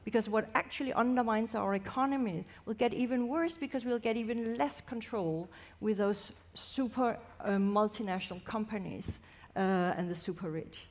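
A woman on a panel presses an urgent argument, speaking in a voice a little higher than most women's. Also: normal speed, hardly any pauses, darkish tone. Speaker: panel guest. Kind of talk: panel discussion answer.

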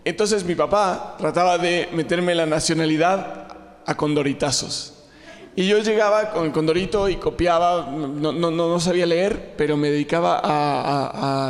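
A man from Ecuador in his forties, an illustrator giving a humorous talk to a live audience, joking and self-deprecating, with frequent fillers and restarts. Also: on the high side. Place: large hall with an audience. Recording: long hall reverb.

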